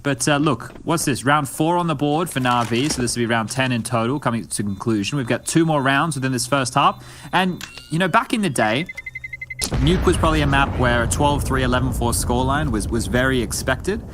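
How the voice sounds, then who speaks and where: A man's voice: mid-range voice, brisk. A man giving live color commentary on an esports match, chatty and analytical with joking asides, on a headset mic. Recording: clear background noise with clicks.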